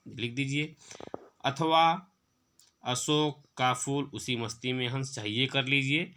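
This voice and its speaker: A man's voice: medium pitch, sharp tone. A man teaching an exam-prep lesson, reading questions aloud and then explaining and dictating the answers. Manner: slow, drawn-out recital when reading verse.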